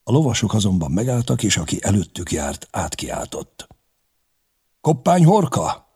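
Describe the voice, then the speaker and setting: A man's voice: deep voice, animated, darkish tone, husky. A man narrating a historical novel as an audiobook, in a dramatic storytelling manner.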